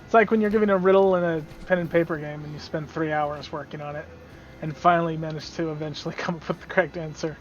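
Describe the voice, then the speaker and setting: High-voiced man streaming a game. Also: steady tone, fast talker. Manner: chatty, self-mocking asides. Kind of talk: casual gameplay commentary. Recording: slightly dull lo-fi audio.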